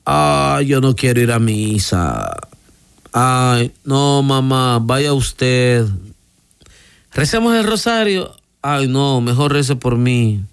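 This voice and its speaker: A man's voice: high voice, normal speed, few pauses, clean tone, no echo, pitched above the performer's own voice, natural voice. A man voicing a lazy churchgoer who whines about going to church. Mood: whiny. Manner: whiny and reluctant.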